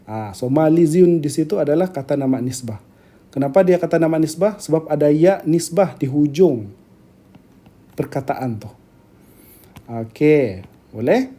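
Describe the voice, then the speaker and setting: A man with a Malaysian accent lectures on grammar, speaking slowly, repeating key terms, and frequently checking that students are following. His voice is a little high with a dark tone.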